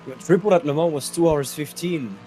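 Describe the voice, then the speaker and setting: A man's voice: a little high, a little fast, warm tone, soft background music. A man on team voice chat during a sim race, chuckling and reacting to the action on track. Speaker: team driver.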